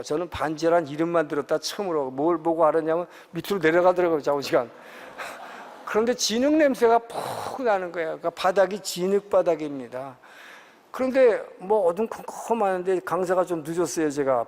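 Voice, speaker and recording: Middle-aged pastor guy preaching a testimony, slightly high voice, long church echo. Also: darkish tone. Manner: storytelling, with frequent pauses and fillers. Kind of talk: sermon testimony. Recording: long hall reverb.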